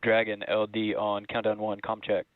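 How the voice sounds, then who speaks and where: A man's voice: lowish voice, completely flat delivery, normal speed, no echo. A man making procedural comm checks as a launch official, over a radio transmission. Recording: thin phone-like radio line.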